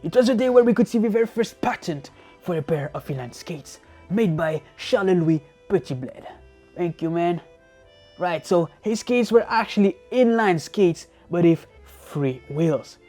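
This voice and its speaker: A man's voice: sits high, animated, moderate pace, dark tone. A man from France, a guest telling a skating story in a chatty, enthusiastic way. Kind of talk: casual guest segment. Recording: faint music behind.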